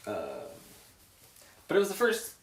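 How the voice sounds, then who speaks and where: A man in his thirties chatting casually on a livestream at home, with a sardonic, deadpan, self-mocking manner. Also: on the high side, unhurried, a little hiss or hum. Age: 30s. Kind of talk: casual rambling livestream chat. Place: room at home. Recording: roomy sound, mic at a distance.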